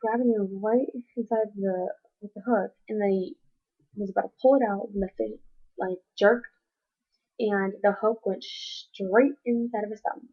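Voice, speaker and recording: A woman's voice: medium pitch, fairly even intonation, unhurried. A teenage girl telling a story to her webcam at home, chatty and rambling with lots of "like". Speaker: vlogger. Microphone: built-in webcam mic. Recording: dull lo-fi webcam audio.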